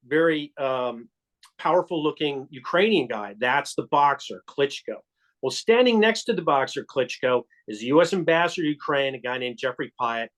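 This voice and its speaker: Emphatic man telling a long account. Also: fairly high pitch. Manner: emphatic, builds long accusatory accounts with frequent restarts. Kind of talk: explanatory storytelling in an interview.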